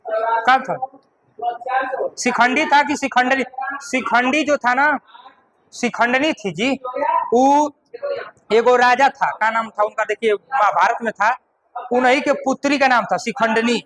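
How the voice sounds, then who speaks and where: A man's voice: very high-pitched, slow pace, pauses often, a bit bright, low-quality recording. A man teaching English grammar to a class, repeating his points and asking the students questions. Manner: mixes in Bhojpuri-style dialect. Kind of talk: classroom lecture.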